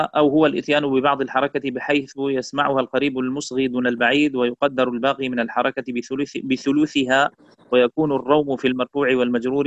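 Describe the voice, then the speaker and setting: A male student reads definitions aloud at a quick pace and in a flat, even tone. The sound is dull and lo-fi, with no room echo. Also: medium pitch. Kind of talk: reading a text aloud.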